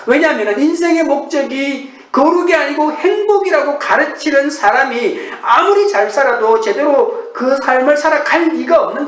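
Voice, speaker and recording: A male pastor giving an earnest, measured early-morning sermon, asking rhetorical questions in a church sanctuary. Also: very high voice, fairly bright tone, recorded from a distance. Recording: echoey room, voice from off the mic.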